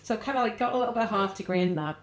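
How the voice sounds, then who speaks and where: Speaking very fast, a podcast guest from the Liverpool area of England, who founded a wellness business, chats in a mild local accent. She animatedly acts out quoted voices with lively jumps in pitch and laughs frequently.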